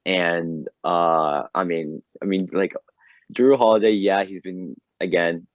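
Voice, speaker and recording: A young man co-hosting a casual podcast, with a very low, deep voice that gets excitable and breaks into laughter. He rambles and restarts his sentences. The sound is dry and dull, like a lo-fi recording. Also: slow, no room sound. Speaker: podcast co-host. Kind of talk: casual chat.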